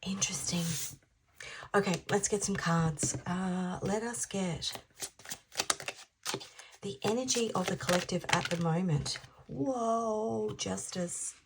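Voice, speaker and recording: A woman in her fifties giving an intuitive tarot reading, musing aloud, repeating phrases and sometimes dropping into soft half-whispers. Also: medium pitch, takes it slowly, vocal fry, long pauses, noisy background. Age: 50s. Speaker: tarot reader.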